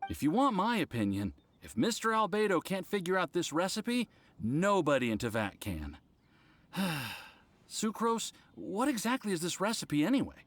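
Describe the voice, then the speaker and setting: A man voicing a flustered, hapless young alchemist's apprentice in an English video game dub, with a halting delivery. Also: high voice, wildly swooping pitch, fairly bright tone, heavily acted. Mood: baffled.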